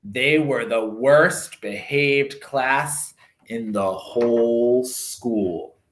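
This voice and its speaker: A man reading a storybook aloud for children, with theatrical emphasis and drawn-out words. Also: mid-range voice.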